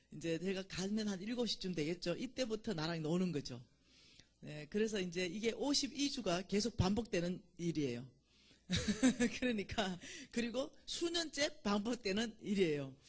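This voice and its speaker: A woman lectures at a church, spinning chatty anecdotes. Her voice is husky and breathy. Her pitch rises and falls a lot as she jokes along. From Gyeongsang Province, South Korea. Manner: chatty storytelling, laughs at her own jokes.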